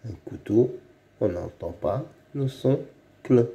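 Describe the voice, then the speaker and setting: A man giving a slow phonics reading lesson for young children, saying each word several times over. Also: medium pitch, lively intonation, creaky, dark tone. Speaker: reading teacher.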